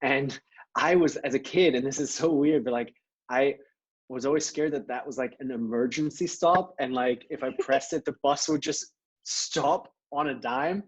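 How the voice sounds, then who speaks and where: A man from Thailand, a podcast guest, chatting casually in a relaxed, rambling way with many fillers and restarts, heard over a video call. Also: mid-range voice, normal speed, slightly rough, rough recording. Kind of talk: casual conversation. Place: grandmother's home.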